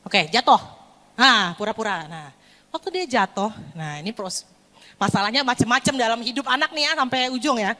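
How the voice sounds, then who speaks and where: A woman preaching a lively sermon to a congregation, acting out scolding and comforting parents. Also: fairly high pitch, moderate pace. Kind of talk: sermon with acted parent role-play. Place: church hall. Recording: long hall reverb.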